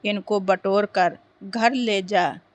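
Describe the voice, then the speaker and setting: Woman reading as a calm storybook village goddess, slow and unhurried, dry close sound. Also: mid-range voice, dry recording, natural voice. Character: kindly village goddess granting boons.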